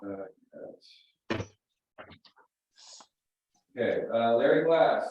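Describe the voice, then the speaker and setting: A man's voice: medium pitch, lively intonation, very slow. A man calling roll at a meeting who keeps hesitating with ums, his voice muffled and hollow as if he were speaking from the bottom of a well. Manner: hesitant, many ums and uhs. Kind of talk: hybrid meeting roll call. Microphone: remote call audio. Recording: echoey, distant, phone-like call line.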